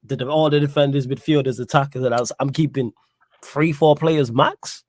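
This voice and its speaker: A man's voice: medium pitch, steady tone, normal speed, no echo. A man joining a fan chat as a rival supporter, joking and easygoing. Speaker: guest fan. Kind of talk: casual football chat.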